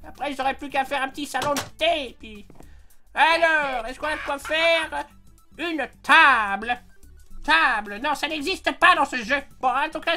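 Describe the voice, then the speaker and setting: A man voicing a cranky elderly woman who plays video games, prim in manner but quick to swear. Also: extremely high pitch, pushed and bright, exaggerated voice. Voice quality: prim old-lady voice turning crude. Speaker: parody youtuber. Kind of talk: comedic gameplay commentary.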